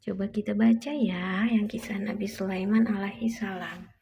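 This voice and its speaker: A woman's voice: mid-range voice, steady tone, moderate pace, gravelly, dark tone. A woman, a mother reading a picture book aloud to toddlers in simple storytelling, repeating and explaining lines, on a muffled recording with background noise.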